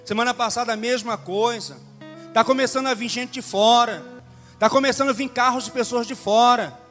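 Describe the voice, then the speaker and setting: Male pastor, high-pitched and impassioned, repetitive emphatic sermon delivery; echoing church hall, faint music underneath. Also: fairly even intonation, normal speed, a bit bright.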